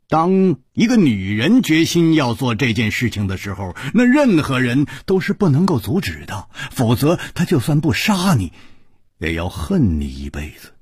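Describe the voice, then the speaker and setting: Slow, husky male storyteller. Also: no room sound, clean studio sound. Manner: slow, expressive narration with lively pitch. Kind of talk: Chinese radio storytelling narration.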